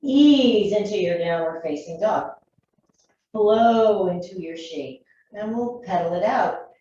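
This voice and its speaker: Mellow yoga teacher woman, echoey room. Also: medium pitch, slow, slight background noise. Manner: calm, gentle cueing with frequent throat clearing. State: morning voice, slightly froggy. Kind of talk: guided yoga class instruction. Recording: dull, echoey room from a distance.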